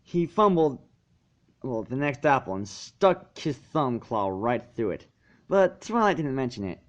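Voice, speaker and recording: This man has a mid-range, very animated voice with the highs cut off, and he reads unhurriedly. An amateur reader and channel host, he narrates fan fiction with casual asides, sometimes stumbling over lines and correcting himself.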